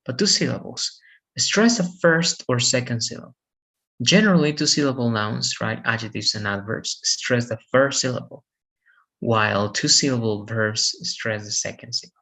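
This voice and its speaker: A man's voice: medium pitch, moderate pace, creaky, pushed and bright, poor audio. A man teaching English pronunciation, reading out lists of example words and checking in with "right?" after each group. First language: Spanish. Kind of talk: lesson on vowels and word stress.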